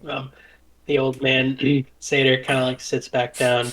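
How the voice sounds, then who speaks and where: A man's voice: mid-range voice, completely flat delivery, measured pace, fairly bright tone, slight background noise, rough recording. A man narrating as game master in a casual, rambling way with many fillers.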